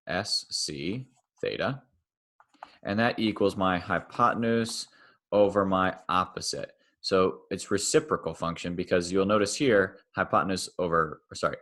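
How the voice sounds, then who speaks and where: A man's voice: low voice, creaky, a bit bright. A male math teacher recording a casual online lecture, thinking aloud and correcting himself as he draws on screen.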